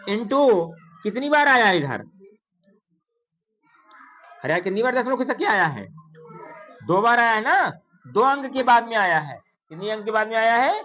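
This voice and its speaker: A woman math teacher with a fairly high, slightly bright voice leads a classroom lesson, counting digits aloud, using English number words, and quizzing pupils with repeated questions while coaxingly calling them "beta." The recording is low quality.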